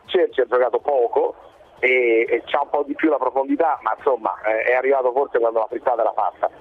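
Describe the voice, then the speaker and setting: A man's voice: medium pitch, expressive, quick pace, vocal fry, slightly rough. A man analysing football for a radio show over the phone, talking in long, reasoned stretches. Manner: fluent, reasoned analysis, piling up clauses. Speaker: football pundit joining the show remotely. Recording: narrow phone-line sound.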